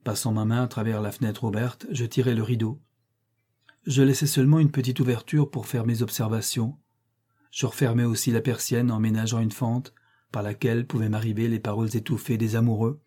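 Man voicing a brooding middle-aged gentleman, bitter, declamatory, very dark tone, breathy edge. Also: medium pitch, steady tone, brisk, close to an everyday voice. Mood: recounting.

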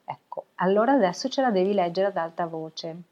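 A woman voicing a bossy, sharp-tongued teenage girl in a snappy, scolding manner, for a storybook reading. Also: lowish voice, expressive, brisk. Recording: lo-fi web radio audio.

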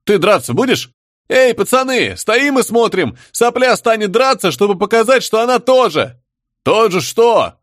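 A man's voice: high-pitched, fairly bright tone, dry recording, studio quality, pitched above the performer's own voice. A man voicing a rowdy, crude crowd of male savages, jeering and bickering.

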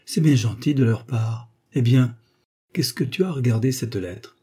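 A man voicing a sharp-tongued, impatient bourgeois wife who scolds loudly in a raised, husky voice. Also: mid-range voice, measured pace. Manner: loud, scornful and exclaiming.

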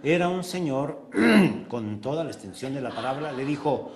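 A man's voice: mid-range voice, lively intonation, moderate pace. A man with a Mexican accent doing crude stand-up storytelling, acting out every character with shrieks and put-on voices. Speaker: stand-up comedian. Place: live comedy show with audience. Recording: live show with loud crowd laughter.

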